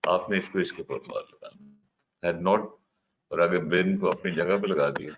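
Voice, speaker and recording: A man with a very low voice teaches English grammar to a class. He works through each step and keeps checking in with his students. The recording is dull and carries a faint hiss. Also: fairly even intonation. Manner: explains step by step, mixes English terms into his talk, asks the class questions. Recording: dull, slightly noisy lo-fi recording.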